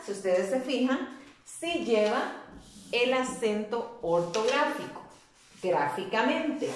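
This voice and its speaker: A woman teacher giving a spelling lesson to children, patiently drawing out and repeating words as she explains. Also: on the high side. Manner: patient, drawn-out repetition of words. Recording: echoey room.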